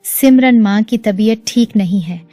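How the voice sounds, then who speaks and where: A woman's voice: medium pitch, a little slow, mellow, no echo, natural voice. A woman storyteller voicing a grown elder son who speaks earnestly to his mother and wife. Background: faint music.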